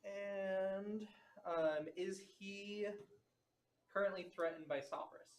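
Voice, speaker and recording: A man's voice: sits high, fairly even intonation, takes it slowly. A man playing a rogue in a tabletop game, chatty and laughing often, with lots of fillers. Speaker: player. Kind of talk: casual tabletop play. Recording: roomy with clear background noise.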